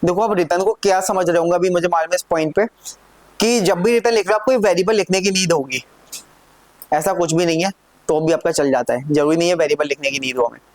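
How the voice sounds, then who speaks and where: A man's voice: high-pitched, fast, no echo. Man teaching code with frequent check-in questions. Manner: checks in often with questions to students. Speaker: programming teacher. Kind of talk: live classroom coding lesson.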